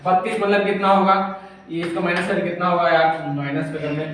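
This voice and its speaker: High-pitched, fairly bright, and brisk, this man speaks with little pitch movement, heard through a distant mic in an echoey room with faint noise. He's a physics tutor giving a casual exam-prep lesson, asking and answering his own questions and addressing the viewer as "brother" in a very familiar way.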